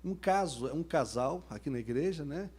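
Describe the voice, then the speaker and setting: A pastor delivers a sermon full of colloquial jokes and stories. His voice is husky and mellow, and his pitch swings widely. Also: animated, moderate pace. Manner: humorous, colloquial storytelling.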